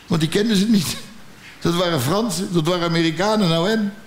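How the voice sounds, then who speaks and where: A man with a Dutch accent doing stand-up storytelling, blunt and profane with a deadpan delivery. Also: sits high, fairly quick, reverberant, slight background noise. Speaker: stand-up comedian.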